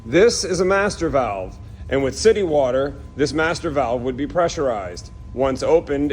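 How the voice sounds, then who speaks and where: This man has a mid-range voice with a somewhat dark tone. He's an irrigation technician on an outdoor job site, explaining every repair step in a casual, down-to-earth way while he works.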